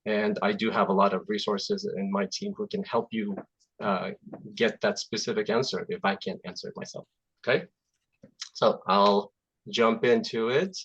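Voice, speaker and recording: Speaking through his computer mic on a video call, a guest software engineer in his forties, a native Russian speaker born in Azerbaijan, talks in an easy, chatty way with frequent fillers and false starts. His voice sits on the low side at a normal speed, the highs are cut off, and there's a little hiss or hum.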